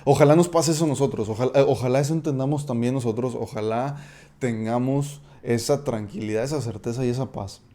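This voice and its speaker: A man's voice: mid-range voice, dark tone. A man with a Mexican accent giving a casual Bible study talk. He speaks conversationally, often checks in with the listener and restarts his sentences. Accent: Mexican Spanish. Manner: conversational, checks in with frequent tag questions; halting, with repeated restarts. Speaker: Bible teacher.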